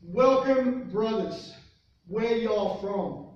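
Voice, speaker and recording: Man putting on a high, booming preacher voice, sing-song praise, distant echoey hall. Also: very slow, muffled recording, a little hiss or hum. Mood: welcoming. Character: exuberant booming male preacher.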